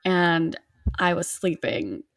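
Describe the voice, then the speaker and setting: A young woman co-hosting a podcast in casual chat, telling stories in an animated, playful way. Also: on the low side, takes it slowly, creaky, dry recording, clean studio sound. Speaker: podcast co-host.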